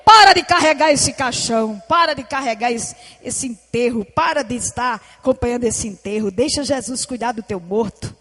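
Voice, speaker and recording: A woman pastor, preaching a passionate sermon at a church service. She often shouts and calls on the congregation to repeat her words. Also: a little high, moderate pace, hardly any pauses. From Northeast Brazil. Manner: impassioned preaching, often shouting, with call-and-response prompts to the congregation. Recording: long church hall reverb.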